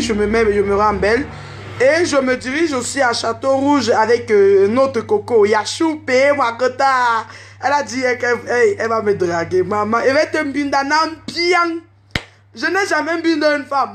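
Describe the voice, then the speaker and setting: A woman, telling a story in an animated, unscripted rant to camera and mixing in street slang. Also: fairly high pitch. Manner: exclaims and calls out to others. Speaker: online video host.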